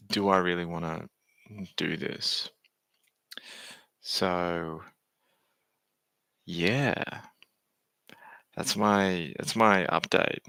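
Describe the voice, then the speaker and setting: A man's voice: sits low, vocal fry, pushed and bright, no echo. A man talking casually on a live stream, hesitant and candid, often restarting his sentences.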